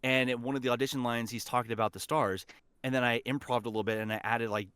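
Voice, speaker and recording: Medium in pitch and steady in tone, this man is a fast talker with a fairly bright, clean sound on a dry recording. He's a voice actor and voice acting teacher guesting on a podcast, giving conversational advice. His manner is encouraging and emphatic, with key phrases repeated.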